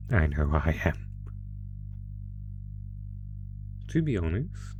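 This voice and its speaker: In a horror audio roleplay, a man plays a sadistic, predatory monster lurking under the bed, his voice a rumbling low. He taunts the listener with mock-sweet, savoring menace, sounding eager and hungry.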